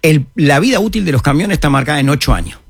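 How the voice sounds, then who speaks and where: An older man with a Uruguayan Spanish accent, explaining city matters on a radio talk show in an animated, folksy way. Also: on the high side, fast talker, vocal fry, slightly rough, dry recording, clean studio sound.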